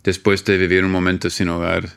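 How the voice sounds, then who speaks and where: Low-pitched and monotone, this brisk, creaky voice has a fairly bright, clean tone. It belongs to a middle-aged homeless outreach worker from Minnesota, a native English speaker with an American accent, who is an interview guest speaking Spanish as a second language, earnest and searching for words.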